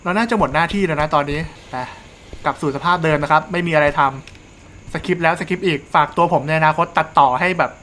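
A man's voice: a little high, steady tone, fairly quick, fairly bright tone, a little hiss or hum. A man giving casual let's play commentary, chatting and joking while reading game dialogue aloud. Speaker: gamer.

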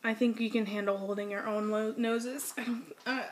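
A woman's voice: fairly high pitch, fairly even intonation, moderate pace. A young woman talking casually as co-host of a home vlog, seated a little back from the camera mic in a kitchen. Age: young adult. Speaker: vlogger co-hosting a challenge video. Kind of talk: casual chat. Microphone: device camera mic, seated slightly back.

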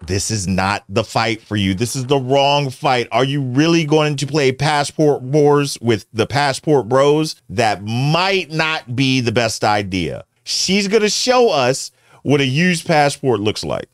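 A man's voice: mid-range voice, expressive, measured pace, no room sound, studio quality. A middle-aged American man giving casual, slangy, teasing reaction commentary as a show host. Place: indoor home studio. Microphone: close studio mic on boom arm.

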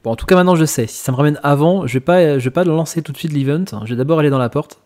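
Excitable French gamer man. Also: on the high side, very fast. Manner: excitable reactions, occasional swearing. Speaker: let's play gamer. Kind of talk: casual gameplay commentary. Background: faint video game music.

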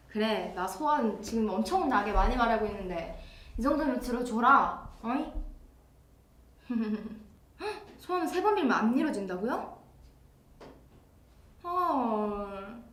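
A woman's voice: mid-range voice, lively intonation, unhurried, pauses often, fairly bright tone. A young woman chatting casually with fans on a live birthday stream, bubbly and chatty. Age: young adult. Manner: bubbly, chatty, acts out quoted voices. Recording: roomy echo.

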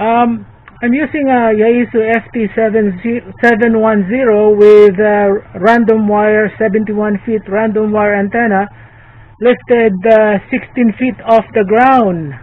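A man making an amateur radio contact, heard over a fading shortwave radio signal, talking haltingly with many fillers. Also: high-pitched, flat delivery. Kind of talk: ham radio contact exchange. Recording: narrow-band shortwave radio with faint static.

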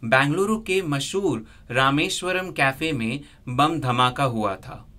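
A man reading a scripted news report as a voice-over, in a steady, measured way. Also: mid-range voice.

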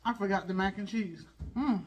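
A woman's voice: medium pitch, moderate pace, a little hiss or hum, low-quality recording. A middle-aged woman mukbang host chatting casually to camera in a home kitchen while eating crunchy fried chicken, with chewing and murmured mms between phrases. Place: home kitchen with family moving around behind.

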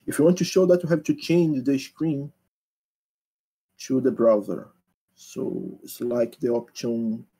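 A man in his thirties presenting a technical demo over a video call, talking haltingly and asking others to switch slides and screens. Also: mid-range voice, vocal fry, warm tone, breathy edge, rough recording. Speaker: presenter at an online developer meetup. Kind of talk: live technical demo talk.

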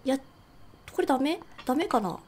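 High, lively, excitable woman streamer. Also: fairly quick, faint music behind. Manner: excitable, reacts with constant exclamations. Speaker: game streamer. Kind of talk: live game commentary.

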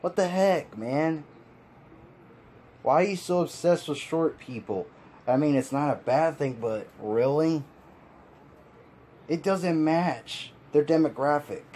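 Slow and expressive, with long pauses, a man with a slightly high but dark-toned voice rants as a video commentator against slight background noise. Exasperated and frustrated, he sighs, laughs, and keeps repeating himself.

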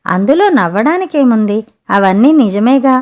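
A woman's voice: fairly high pitch, sing-song, moderate pace, highs cut off. A woman voicing a blunt, impatient grown fisherman in a spoken storybook, who keeps demanding answers. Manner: demanding, questioning.

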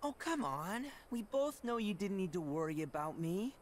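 A man's voice: sits high, very animated, normal speed, slight background noise. An actor playing a proud young male beast warrior who speaks with earnest assurance. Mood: confident.

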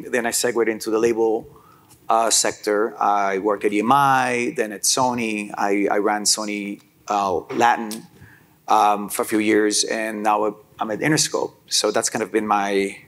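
A man in his forties, from Israel, answers questions on a conference stage through a lapel mic. His voice is fairly low, and he speaks easily, circling back and repeating words as he gathers his thoughts. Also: a little slow. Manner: relaxed, repeats words while thinking. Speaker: music executive panelist. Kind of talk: conversational panel answer. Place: conference stage before an audience.

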